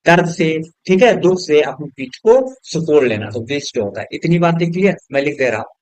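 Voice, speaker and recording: A man teaching English grammar to students, his voice sitting a bit higher than most men's. He throws questions at the class and answers them himself, and he spells words out one letter at a time. The recording is close and dry, with no room echo. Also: animated, brisk.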